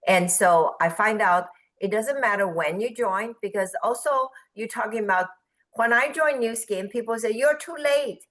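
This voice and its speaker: Animated woman telling a business story. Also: medium pitch, normal speed, low-quality recording. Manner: animated, quotes people in raised voices, laughs. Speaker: guest speaker on business forum. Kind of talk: storytelling in a video call. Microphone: video call.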